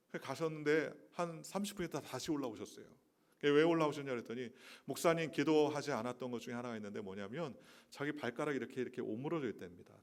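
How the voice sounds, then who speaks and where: A man's voice: medium pitch, vocal fry. A middle-aged man, a missionary preacher, telling personal testimony in a sermon, with storytelling and emphatic rhetorical questions.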